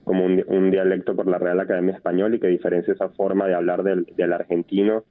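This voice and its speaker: A young man speaks as a guest over a tinny phone line. His voice sits a little low, and he explains things clearly and articulately. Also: little pitch movement, fast. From Venezuela. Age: young adult. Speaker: journalist guest. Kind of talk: phone interview.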